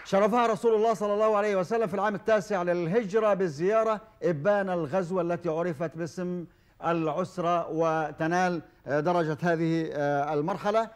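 Fast-talking formal quiz show host, a man. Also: high voice, fairly even intonation, smooth. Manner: formal and measured, with frequent "ah" fillers. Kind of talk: hosting a televised quiz show. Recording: old television broadcast recording.

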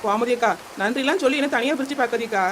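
A woman's voice: on the high side, rapid-fire, a little hiss or hum, lightly acted. A woman voicing a brave, reassuring young aunt. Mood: warm. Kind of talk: cartoon voice acting.

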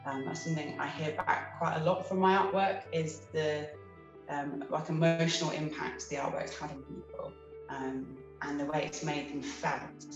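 A woman's voice: low voice, fairly even intonation, normal speed, dull audio, over music. A woman artist speaking earnestly in an interview, with frequent ums. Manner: earnest, with many fillers. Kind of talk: interview monologue. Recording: echoey room, mic far off.

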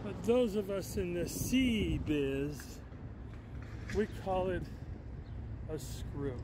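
A man's voice: sits high, expressive, very slow. An older man chatting casually as he films himself walking a waterfront pier, thinking aloud as he goes. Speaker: vlogger. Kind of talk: casual walking tour narration. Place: outdoors on a city waterfront pier. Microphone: handheld phone camera at arm's length. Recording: phone video outdoors with clear street noise. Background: city traffic and outdoor noise.

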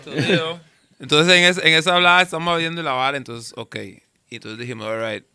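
Gravelly, bright-voiced Costa Rican man. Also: on the high side, fairly even intonation, brisk. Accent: Costa Rican Spanish. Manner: laid-back storyteller, slangy, trails off. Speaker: guest artist. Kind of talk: casual interview chat.

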